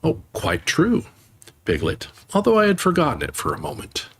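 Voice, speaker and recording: A man voicing a slow, earnest, simple-minded stuffed bear for a storybook reading. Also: on the high side, wildly swooping pitch, a bit bright, slightly rough, pitched above the performer's own voice, heavily acted.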